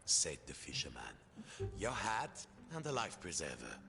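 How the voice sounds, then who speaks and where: A man narrating a storybook video game in a dramatic, expressive storyteller's manner. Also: sits low, normal speed, vocal fry, a little hiss or hum, exaggerated voice.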